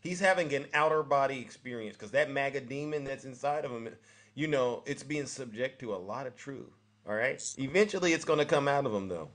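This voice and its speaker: A man's voice: medium pitch, lively intonation, a little fast, a bit bright. A man with an American accent hosting a casual political live stream like a showman, egging his guests on.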